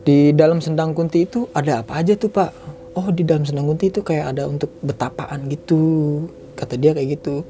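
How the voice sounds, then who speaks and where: A man's voice: on the high side, fairly even intonation, fairly quick, warm tone, slight background noise. A man in his twenties telling a personal story in a loose, chatty way. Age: 20s. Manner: chatty, loose, fills sentences with "gitu" and "Bang". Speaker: guest storyteller. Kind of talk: casual storytelling.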